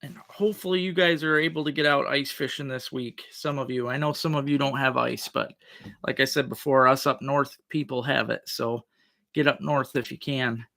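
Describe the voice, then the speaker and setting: Bright-voiced man chatting casually on livestream. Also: medium pitch, fairly even intonation, moderate pace, creaky. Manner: folksy, rambling. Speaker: livestream host. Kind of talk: casual chat with viewers.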